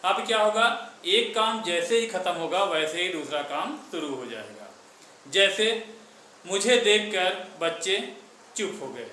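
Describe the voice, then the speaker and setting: A man teaching an English grammar lesson in a classroom, slowly repeating words one at a time. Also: high-pitched, expressive, pushed and bright, a little hiss or hum. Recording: echoey room from far off.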